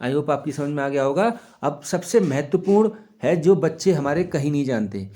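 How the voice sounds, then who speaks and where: A man's voice: a little high, animated, mellow. A man teaching a grammar lesson to children, patient and step by step, who keeps asking questions and answering them himself and checks whether the class is following. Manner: patient, slow, explains step by step.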